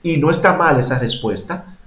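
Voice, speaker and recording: A man's voice: on the high side, animated, moderate pace, fairly bright tone, echoey room, lo-fi sound. A man teaching English to Spanish-speaking students in an online class, explaining grammar patiently step by step and mixing in English examples.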